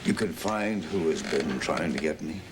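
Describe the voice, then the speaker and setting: A man's voice: very deep voice, noisy background. A man playing a client who lost his family land, answering questions in short, solemn statements. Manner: terse, solemn, measured answers. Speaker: client whose family land was taken.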